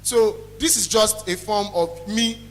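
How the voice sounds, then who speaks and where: With soft music in the background, a young man with a Nigerian accent speaks a little slowly in a voice that sits high and carries loudly. As a guest speaker and owner of a small chops business, he gives students a motivational talk. He is emphatic and blunt and repeats phrases for effect.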